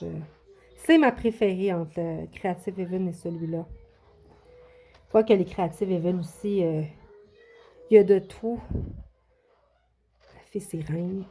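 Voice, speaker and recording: A woman's voice: fairly low pitch, steady tone, measured pace, pauses often, warm tone, breathy edge. A woman with a Québécois French accent chatting casually through a show-and-tell of her coloring books, hesitant, with many fillers and restarts. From Quebec. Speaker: coloring book YouTuber.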